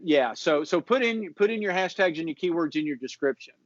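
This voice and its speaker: A man giving social media marketing advice in a relaxed chat, explaining patiently and often restarting his sentences. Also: on the high side, brisk, dry recording. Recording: dull lo-fi audio.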